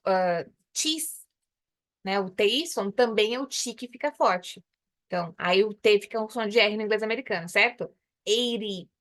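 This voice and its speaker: A woman from Brazil teaching an English lesson, explaining patiently and slowly repeating English phrases. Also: on the high side, fairly bright tone. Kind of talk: online English lesson in Portuguese.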